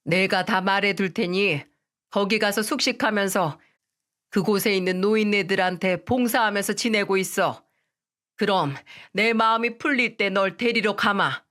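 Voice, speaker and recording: A woman voicing a stern middle-aged mother-in-law in a radio story, speaking slowly and scolding. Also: mid-range voice, fairly bright tone, lightly acted.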